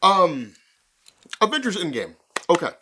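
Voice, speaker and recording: This comics explainer host sounds congested, as if he has a cold, and his voice sits high with big pitch swings, pushed and bright. He gives unhurried, rambling fan commentary, repeating himself and saying "like" constantly, over slight background noise.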